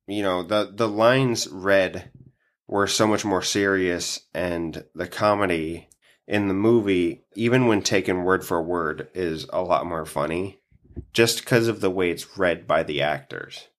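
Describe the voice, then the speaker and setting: Podcast host guy, real low voice, stuffed up from allergies, swears a bunch. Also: a little slow. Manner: casual, swears often, laughs a lot. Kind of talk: casual chat.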